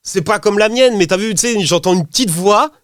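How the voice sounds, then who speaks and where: Slangy, animated man with a cold. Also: sits high, a little fast, no echo, clean studio sound. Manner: animated, rambling, laughs often, slangy. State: has a cold. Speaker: rapper, interview guest. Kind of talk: casual interview chat.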